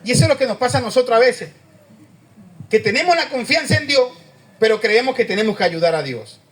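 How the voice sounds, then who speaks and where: A man's voice: very high voice, expressive, brisk. A man preaching a conversational sermon, often asking the congregation questions and repeating amen.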